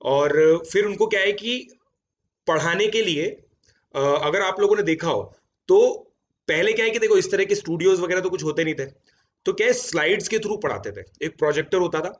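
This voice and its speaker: A chatty man in his thirties tells his students a story, mixing Hindi and English and tossing in "theek hai" fillers. His voice sits a little high for a man. The sound is dull and lo-fi, recorded in a home studio. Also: expressive, brisk. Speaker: JEE coaching educator.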